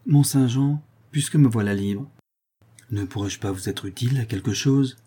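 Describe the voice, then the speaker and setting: A man voicing a gentle, kind young girl who speaks softly and consolingly. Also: medium pitch, normal speed, husky, natural voice. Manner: soft, consoling.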